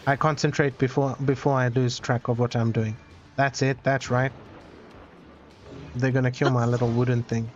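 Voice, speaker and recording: A man's voice: mid-range voice, flat delivery, moderate pace, slight background noise. Rambling male streamer, dull lo-fi audio. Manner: rambling, self-interrupting, playfully dramatic. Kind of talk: casual live-stream chat while gaming.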